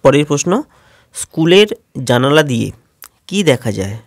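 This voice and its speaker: A man teaching schoolchildren in a steady question-and-answer lesson, announcing each question and then answering it, with a Bengali accent. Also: a little high, normal speed, dry recording, studio quality.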